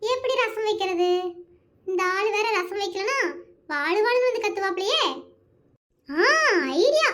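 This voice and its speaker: A sly, scheming village woman whispers her plans in a high, bright voice, as a woman puts her on. She speaks in a conspiratorial hush, the voice of a homespun cartoon schemer. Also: lively intonation, a little slow, long pauses, exaggerated voice. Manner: conspiratorial, drops to a low hush. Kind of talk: cartoon voice acting.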